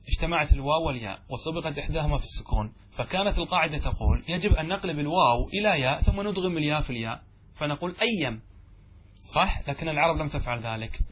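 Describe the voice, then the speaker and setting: A middle-aged sheikh teaches classical Arabic grammar, explaining step by step and answering his own questions. His voice is on the high side, a bit bright and husky.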